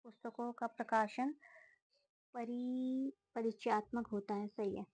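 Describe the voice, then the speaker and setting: A woman working through a grammar test, reading each option aloud and giving quick verdicts. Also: on the high side, steady tone, a little mellow, breathy edge, poor audio. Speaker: student solving a test series. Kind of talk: casual spoken walkthrough of exam answers.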